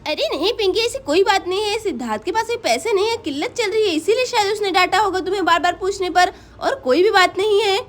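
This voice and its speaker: A woman's voice: very high-pitched, animated, fast talker, few pauses. Woman voicing a firm scolding elder sister-in-law.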